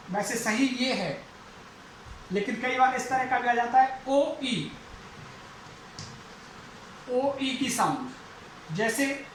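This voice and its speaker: A male English lecturer giving a phonetics lesson for exam students, who repeats each example word slowly several times. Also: extremely high pitch, fairly bright tone. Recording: echoey room, faint background noise.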